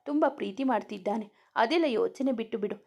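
A woman voicing a caring middle-aged mother who speaks gently but firmly. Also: a little high, fairly quick.

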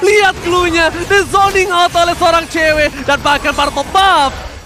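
An Indonesian man commentating an esports match like a fighting game announcer, with hype calls and drawn-out words. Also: very high voice, steady tone. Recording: crowd noise behind.

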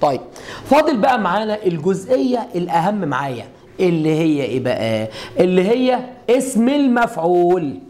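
With slight background noise behind him, a middle-aged man speaks in a high-pitched, slightly mellow voice and an Egyptian accent. He is at a whiteboard teaching Arabic grammar, breaking it down step by step and repeatedly throwing rhetorical questions at his students.

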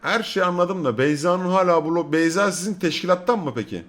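Male streamer, slightly high voice, mock-stern, scolds and teases his teammates. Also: lively intonation, a little fast, a bit bright. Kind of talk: casual gaming voice chat.

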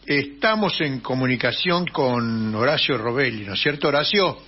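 A man with a Rioplatense Spanish accent hosting a radio interview, talking casually and a little haltingly. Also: medium pitch, animated, slightly rough. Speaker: radio host. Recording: dull lo-fi radio sound.

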